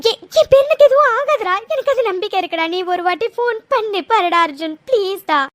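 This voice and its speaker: A woman voicing a frightened old grandmother in a cartoon story, wailing in a very high voice. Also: lively intonation, a little fast, a bit bright, no room sound. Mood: anguished. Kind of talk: cartoon voice acting.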